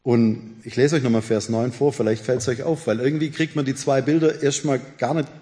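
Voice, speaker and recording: A man's voice: mid-range voice, fairly quick. A man preaching a sermon in German, explaining scripture and reading verses aloud to his listeners. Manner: reads scripture aloud, explains calmly, addresses listeners directly. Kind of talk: Bible teaching sermon.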